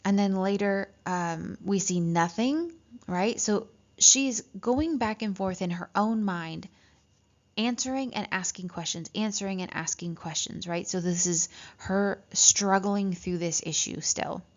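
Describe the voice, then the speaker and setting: A woman teacher walks her class through a story, reading lines aloud and stopping to explain them. She talks at a middling pitch, checks in with "right?" and fills pauses with "um". The recording sounds dull and lo-fi.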